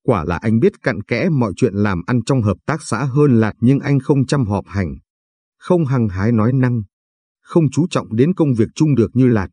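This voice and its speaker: Guy reading a story, steady and even, husky low voice, dry close sound. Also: normal speed, no room sound. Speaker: narrator.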